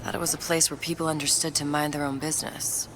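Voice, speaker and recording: A woman's voice: sits low, level tone, fast talker, noisy background. Cool, mysterious young woman. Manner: cool, clipped, secretive.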